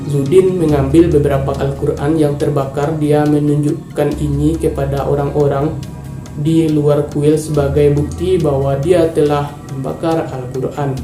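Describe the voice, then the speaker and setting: A man's voice: fairly high pitch, level tone, measured pace, warm tone. A man from Indonesia narrating a true-crime story in a casual, informal way, openly angry at the wrongdoer. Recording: echoey room with faint music.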